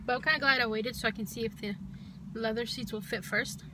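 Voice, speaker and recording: A woman's voice: fairly high pitch, steady tone, fairly quick. A woman vlogger chatting casually while eating, parked in her car, rambling with lots of "like" and "you know". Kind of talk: casual mukbang vlog chat. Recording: car cabin with clear engine and vehicle noise. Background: car and vehicle sounds.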